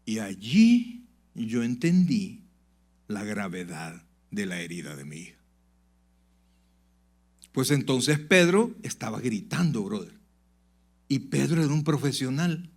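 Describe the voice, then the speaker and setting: A man preaching a sermon to his congregation, swinging from loud emphatic peaks to low confiding asides and calling out "brother" to the listeners. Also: expressive, measured pace, long pauses. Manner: addresses the congregation directly, "brother". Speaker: pastor. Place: church sanctuary.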